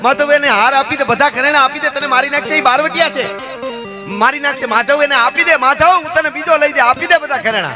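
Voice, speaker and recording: A man doing a desperate mother crying out for her son, shrill and high, kathiawadi gujarati accent, folk tale, music behind. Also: fairly quick. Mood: pleading. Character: frantic mother pleading for her little son.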